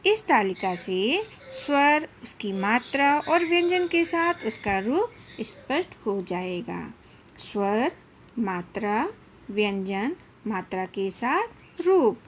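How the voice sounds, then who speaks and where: Slow, careful woman teacher. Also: a little high, very animated, slight background noise. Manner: slow, deliberate, drawn-out syllables with frequent pauses. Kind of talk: slow classroom lesson for children.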